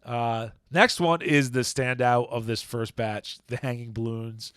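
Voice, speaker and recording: A man chats casually on a podcast, recapping stories and often stopping mid-sentence to hunt for the right word. His voice sits at a middle pitch. The sound is dry and close, with no room echo. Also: steady tone, measured pace, a bit bright, clean tone. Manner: rambling, searches for words, recaps plots. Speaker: podcast host. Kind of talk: casual chat.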